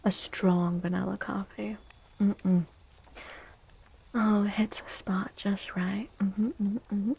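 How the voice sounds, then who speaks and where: A woman livestream host talks in a soft ASMR style, frequently whispering, with a gentle, playful, cutesy, affectionate manner. Her medium-pitched voice is creaky with a breathy edge, level in tone and slow.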